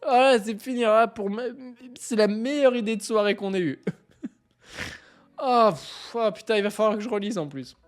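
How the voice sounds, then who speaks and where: Guy on a live stream, giggly and excitable, stumbles over his words, faint music behind. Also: high voice, moderate pace. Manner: excitable, keeps breaking into laughter; stammers and repeats himself. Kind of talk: casual live-stream chat.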